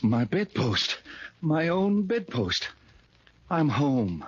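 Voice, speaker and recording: An actor playing an excitable, emphatic reformed miser Scrooge in an old-time radio drama. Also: male voice, on the high side, very slow, husky, lo-fi sound, full character voice. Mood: relieved. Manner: colloquial, emphatic, exclamatory. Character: excitable reformed miser Scrooge, pleading then giddy with joy. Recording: old radio recording with faint hiss.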